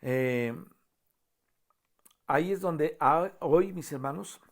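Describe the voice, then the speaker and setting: A man's voice: a little high, slow pace. A man with a Mexican Spanish accent preaching a sermon outdoors to a camera, rising emphatically on quoted verses and often repeating his first words. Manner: frequent fillers and repeated starts. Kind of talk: sermon on a psalm. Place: outdoors at dusk with mountains in view. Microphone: facing a camera.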